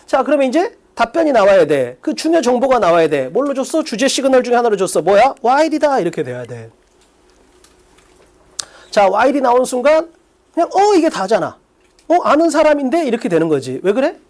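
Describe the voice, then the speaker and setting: A man teaching an exam-prep English class, prodding his students with quick rhetorical questions. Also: extremely high pitch, very animated, a little mellow. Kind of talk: lecture.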